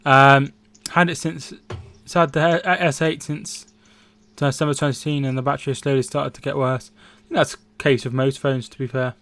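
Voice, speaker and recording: A man's voice: mid-range voice, level tone, moderate pace, fairly bright tone. A man in his twenties from England, casually co-hosting a football watchalong stream, chatting and reading out viewer comments. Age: 20s. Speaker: livestream co-host.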